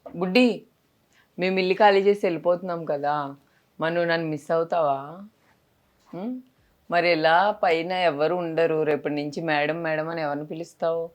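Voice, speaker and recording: Gentle coaxing woman vlogger. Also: sits low, fairly even intonation, brisk, long pauses, dull audio. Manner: coaxing, tender, talks to a small child. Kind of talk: casual vlog chat.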